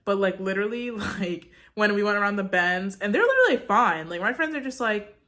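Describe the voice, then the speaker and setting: A woman's voice: mid-range voice, big pitch swings, fairly quick, bright, forceful tone. A young woman vlogger casually telling a story, chatty, with lots of "like," acting out her own reactions.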